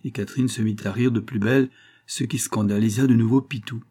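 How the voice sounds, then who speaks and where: A man reading a classic novel aloud in measured, scripted narration. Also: medium pitch, fairly even intonation, mellow. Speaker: audiobook reader.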